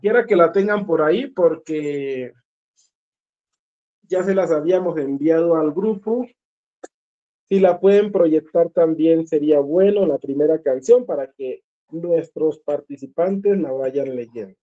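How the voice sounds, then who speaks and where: The recording is muffled as a singing teacher leads a group voice lesson in an unhurried, medium-pitched voice. Key points get repeated, explanations stay patient, and the listeners are checked in on throughout.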